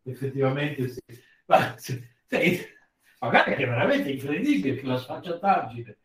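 A man's voice: mid-range voice, sing-song, normal speed. A man hosting a live show in a casual, chatty way, his voice roomy and a little far from the mic. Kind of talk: casual chat. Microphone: wearing headphones, voice distant from mic. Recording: roomy echo, distant from mic.

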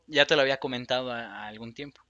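A man's voice: mid-range voice, fast talker, bright, forceful tone, dull audio. A young man with a Mexican accent, co-hosting a casual chat, slangy and joking, laughing often. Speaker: co-host.

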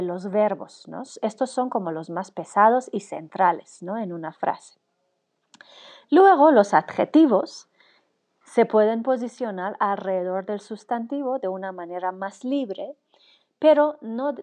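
Woman lecturer with a mellow voice. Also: mid-range voice. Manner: explains step by step, often checks with "¿no?"; frequent filler "eh" and "em". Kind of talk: university lecture.

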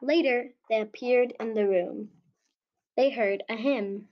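A woman narrating a home-made children's story in a slow, earnest way. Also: on the high side, lo-fi sound, soft background music.

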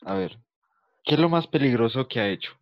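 A man reading out questions in a brisk, plain way. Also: medium pitch, lively intonation, no echo. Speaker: question reader. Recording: dry, slightly muffled recording.

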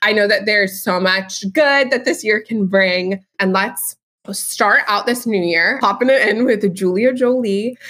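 A woman hosts a casual podcast chat in a bubbly, upbeat manner, saying "like" a lot. Her voice is medium in pitch, with a measured pace and a fairly bright tone.

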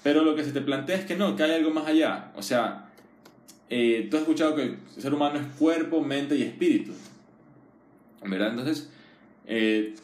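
A man's voice: a little high, moderate pace, a little mellow, a little hiss or hum. Conversational man teaching in a roomy space. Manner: conversational, checks understanding often; frequent fillers and restarts. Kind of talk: informal one-on-one explanation. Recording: roomy echo.

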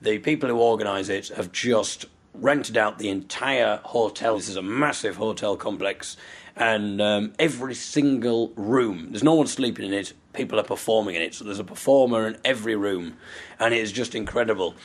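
A man hosting a podcast, chatting casually in a rambling, thinking-out-loud way. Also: lowish voice, normal speed. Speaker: podcast host and interviewer.

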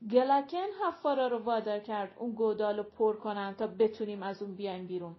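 A woman voicing a touchy, dramatic young woman with a shrill, sulky voice, in an audiobook. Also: lo-fi sound, close to an everyday voice. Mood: hurt.

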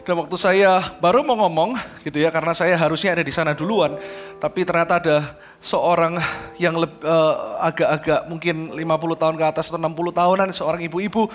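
A male pastor, preaching an online sermon in an animated way that grows emphatic, mixing in English phrases. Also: a little high, fairly quick, soft background music.

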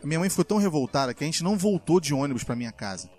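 A man's voice: fairly high pitch, very fast. A man, telling a childhood story on a podcast and acting out the other people in it. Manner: animated, acts out his mother's lines. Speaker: podcast co-host. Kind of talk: casual storytelling.

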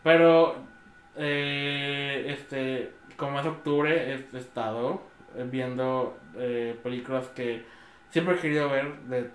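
A man's voice: medium pitch, steady tone, slow pace, a little hiss or hum. Man, hesitant podcast co-host, echoey room. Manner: hesitant, many fillers and false starts. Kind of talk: casual chat.

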